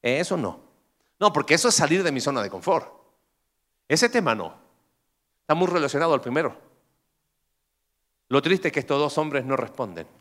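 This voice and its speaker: A man preaching a sermon with animated delivery, asking rhetorical questions and acting out quoted voices. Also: fairly high pitch, normal speed, long pauses.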